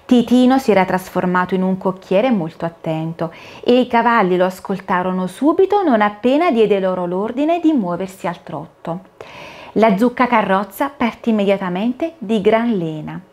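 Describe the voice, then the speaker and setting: A woman storyteller narrating a children's fairy tale in a soft, expressive way. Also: medium pitch, moderate pace.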